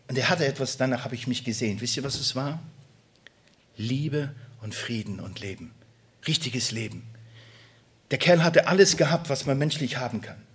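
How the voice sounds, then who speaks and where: Husky man preaching with loud bursts. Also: mid-range voice. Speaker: preacher and church elder. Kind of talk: emotional sermon testimony.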